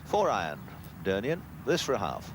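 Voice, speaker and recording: A man giving live golf commentary in an unhurried, conversational way. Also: lowish voice, huge pitch swings. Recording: clear outdoor background noise.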